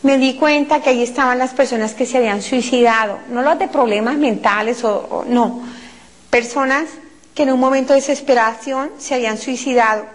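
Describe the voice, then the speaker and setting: High-pitched Colombian woman preacher, emotional testimony, cries out her pleas. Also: a little fast. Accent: Colombian Spanish. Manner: addresses listeners as brothers. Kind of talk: impassioned testimony talk.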